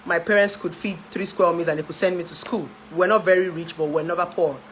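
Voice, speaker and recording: A woman's voice: lowish voice, fairly even intonation, brisk, a little hiss or hum, rough recording. A woman in her thirties with a Nigerian accent, a relationship therapist chatting to her followers about her life, laughing often and dropping into pidgin. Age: 30s. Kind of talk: casual chat to camera.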